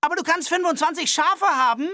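A man's voice: very high voice, a little fast, sharp tone, no echo, studio quality, voice pushed up. A man voicing a nervous, rambling sheep farmer in a Western audiobook, babbling and laughing nervously.

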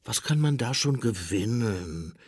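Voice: mid-range voice, big pitch swings, moderate pace, dry recording, clean studio sound. Narrator doing grumpy Olaf. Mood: grumbling. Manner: grumbling, then gleeful. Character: grumpy male friend who perks up. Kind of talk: storybook reading.

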